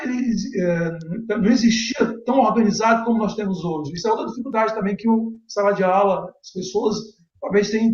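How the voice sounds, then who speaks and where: A high-voiced man hosts an academic live stream, posing questions and ending many phrases with a quick tag question. He sounds like he is in a roomy, echoey space, and the call audio is dull and lo-fi. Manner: asks questions, adds frequent tag questions. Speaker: host and interviewer.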